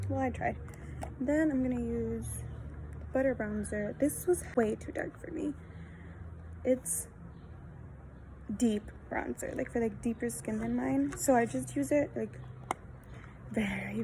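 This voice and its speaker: A young adult beauty vlogger, a native Spanish speaker, chats casually through a backyard makeup tutorial, rambling, poking fun at herself, and using plenty of fillers. Her voice is a little high, and outdoor wind and ambient noise come through.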